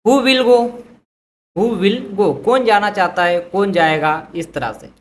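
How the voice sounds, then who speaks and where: Slow, patient woman teaching English. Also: mid-range voice, lively intonation. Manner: repeats each English phrase slowly, then explains in Hindi. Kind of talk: vocabulary lesson.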